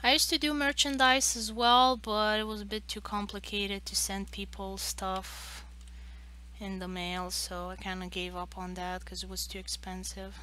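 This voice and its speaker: A woman's voice: medium pitch, little pitch movement, moderate pace, sharp tone, slight background noise. A woman in her late twenties chatting casually on a livestream, hesitant and rambling as she talks. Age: late 20s. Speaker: streamer and artist.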